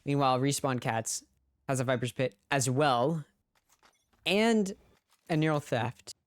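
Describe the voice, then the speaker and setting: A man's voice: mid-range voice, unhurried, no echo. A man streaming a watch party, giving casual play-by-play commentary on an esports match and talking straight to his chat.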